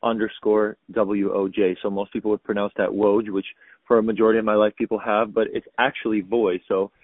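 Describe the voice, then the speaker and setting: Low-voiced guy in his 30s chatting on a podcast, kinda halting, tinny phone-like sound. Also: level tone, no echo. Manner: halting, repeats words while thinking. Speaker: pro soccer player guest. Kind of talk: casual podcast interview. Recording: tinny phone-like audio, dry.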